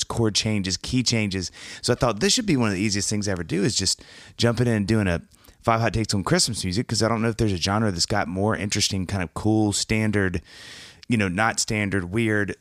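A podcast host opens with a casual monologue, rambling and jokey with self-mocking asides, sounding slightly scratchy because he has a cold. His voice sits low with a fairly bright tone, in a dry, clean studio recording.

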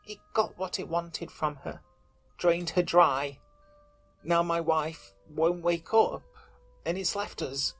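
Male reader doing tearful widower's phone message, quiet, remote, husky. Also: a little high, fairly even intonation, slow pace, faint music behind, pitched above the performer's own voice, heavily acted. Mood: distraught. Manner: whimpering, shaky. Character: grieving man whimpering on a voicemail.

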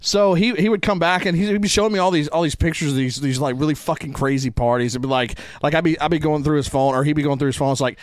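A man's voice: on the high side, fairly even intonation, quick pace, hardly any pauses, no echo. A man co-hosting a podcast, joking crudely in casual chat with bursts of laughter. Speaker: podcast co-host.

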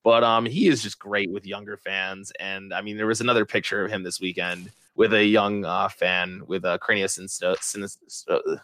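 A man hosting a racing podcast, chatting casually and excitedly with lots of fillers and restarts. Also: on the low side, normal speed, hardly any pauses. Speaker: podcast host. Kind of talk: casual chat.

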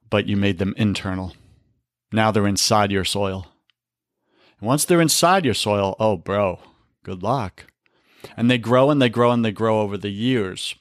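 A man's voice: fairly low pitch, fairly bright tone, dry recording, clean studio sound. A man talking on a faith podcast, preaching with emphasis and often calling the listener brother. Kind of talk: faith-based podcast talk.

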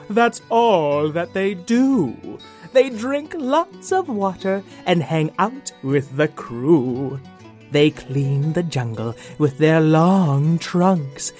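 A haughty storybook queen voiced by a woman, laying down the law in slow, rhyming lines. Her voice leaps up high and drops low as she drawls each word. Soft music plays faintly underneath. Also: heavily acted. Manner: slow, sing-song rhyming delivery with wide pitch swings. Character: bossy, commanding female queen. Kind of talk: children's storybook reading.

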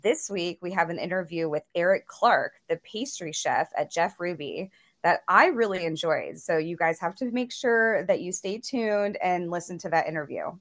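A woman's voice: lowish voice, lively intonation, moderate pace, fairly bright tone. A woman co-hosting a casual food podcast, upbeat and chatty with lots of "like" fillers. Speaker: podcast co-host.

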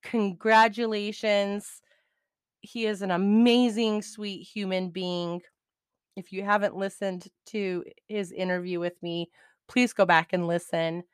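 A middle-aged woman hosting a podcast, chatting excitedly and laughing easily as she recaps. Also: mid-range voice, slow pace, smooth, no echo, studio quality. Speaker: podcast host.

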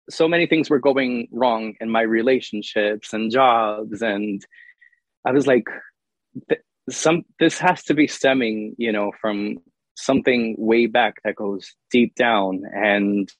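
A man's voice: medium pitch, no echo, poor audio. A young man, a singer-songwriter, answering interview questions in an earnest, open way, with many ums.

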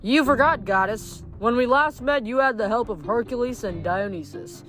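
A woman's voice: fairly high pitch, lively intonation, normal speed, fairly bright tone, soft background music, pitched above the performer's own voice. A woman reading aloud, voicing a menacing, boastful male giant in a storybook. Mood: scornful. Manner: taunting, theatrical.

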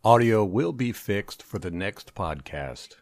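A man's voice: fairly low pitch, lively intonation, slow, no echo, studio quality. A man hosting a podcast, heard through muffled, worn-sounding audio from a faulty recording. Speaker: podcast host. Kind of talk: casual sports podcast chat. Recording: dull lo-fi sound, voice set back from the mic.

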